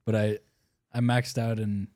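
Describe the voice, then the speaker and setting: A man's voice: lowish voice, little pitch movement, measured pace, dark tone, no room sound, studio quality. A man in his twenties co-hosting a podcast from a home basement, chatting casually and laughing often. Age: 20s. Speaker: podcast co-host. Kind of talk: casual chat.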